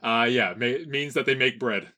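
A laid-back male podcast co-host with a bright, tense edge to his voice. He chats casually, laughs often and fills pauses with hesitant ums and uhs. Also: medium pitch. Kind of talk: casual comedic chat.

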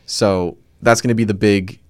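A man's voice: fairly low pitch, fairly even intonation, normal speed, clear, resonant tone, dry recording, studio quality. A young man co-hosting a casual chat, easygoing and wry. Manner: laid-back, easygoing, wry. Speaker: co-host.

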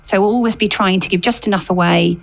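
A woman's voice: mid-range voice, fairly quick, creaky, poor audio. A woman speaking as a guest expert, explaining conversationally with some hesitation and repeated phrases for emphasis.

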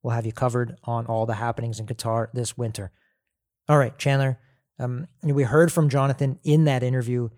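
Man, podcast host, casual upbeat chat, mid pitch. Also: little pitch movement, moderate pace, a little mellow. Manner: upbeat, chatty, laughs easily. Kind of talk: casual sports podcast talk.

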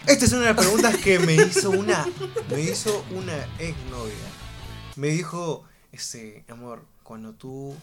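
A man's voice: high-pitched, very animated, moderate pace, music in the background. A man co-hosting a podcast, chatty and self-mocking, laughing a lot. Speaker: podcast co-host. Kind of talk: casual chat.

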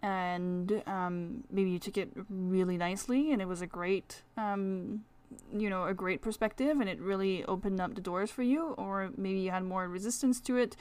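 A woman's voice: medium pitch, moderate pace, hardly any pauses, darkish tone, clean tone. Chatty woman with a French accent. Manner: chatty, rambling, many fillers and laughs. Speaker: astrology podcast host. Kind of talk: casual solo podcast talk.

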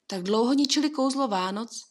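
A woman voicing a sad, kindly bearded man of middle age in a storybook, speaking gently and a little reproachfully. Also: very high-pitched.

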